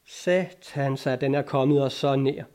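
A man's voice: mid-range voice, steady tone, darkish tone, close to an everyday voice. A man reading aloud voicing a ship captain who barks short orders. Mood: commanding.

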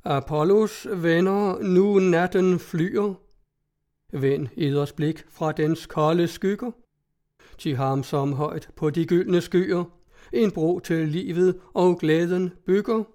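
An earnest young poet, a little unsure of himself, reciting his lines slowly and solemnly, as a man reads him aloud. The voice sits fairly high and sounds mellow, like a storybook character. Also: fairly even intonation, natural voice.

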